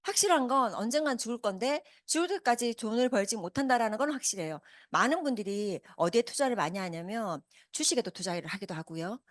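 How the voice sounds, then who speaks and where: A lively woman in her fifties presents at a business meeting, her pitch rising high and swinging widely as she questions the crowd. She talks quickly and keeps her delivery upbeat. The sound is dry and close, with no room echo. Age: 50s. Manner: animated, asks the audience many questions. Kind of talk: motivational seminar talk. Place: meeting hall with a live audience.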